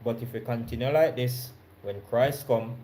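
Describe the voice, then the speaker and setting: Jamaican male Bible teacher with a mid-range voice. He reads verses deliberately and talks them through casually. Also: mid-range voice, warm tone. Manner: reads scripture slowly, stressing key words; conversational, checks in with listeners. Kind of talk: Bible study sermon.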